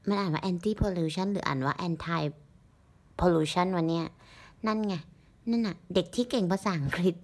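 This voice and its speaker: A woman's voice: medium pitch, lively intonation, fast talker. A woman in her forties chatting casually to her viewers as she reviews a beauty product, joking about herself along the way. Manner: chatty and self-mocking, addressing viewers as friends. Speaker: beauty vlogger.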